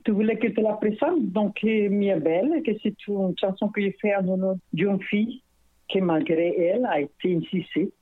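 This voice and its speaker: A woman's voice: medium pitch, moderate pace, no room sound. A middle-aged woman with a foreign accent, a singer-songwriter talking casually as a radio guest, rambling with many hesitations. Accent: foreign accent in French. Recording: tinny phone-line sound.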